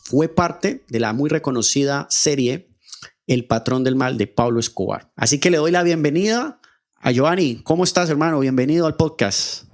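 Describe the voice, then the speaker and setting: A man's voice: fairly high pitch, moderate pace. A Colombian man hosting a podcast who welcomes his guest in a friendly way and reads through his credits. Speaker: podcast host. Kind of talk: interview hosting.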